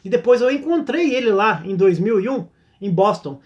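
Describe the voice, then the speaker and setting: A middle-aged Brazilian man with a Brazilian Portuguese accent, hosting his own channel in a casual critical monologue, halting and repeating words as he thinks. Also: high-pitched, lively intonation, a little mellow, dull audio. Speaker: YouTube channel host.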